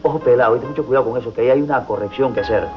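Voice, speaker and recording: A man's voice: medium pitch, very fast, close to an everyday voice. An actor playing a lovesick, self-pitying comic man with a Venezuelan accent, rambling melodramatically. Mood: lovelorn. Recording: dull TV audio with music.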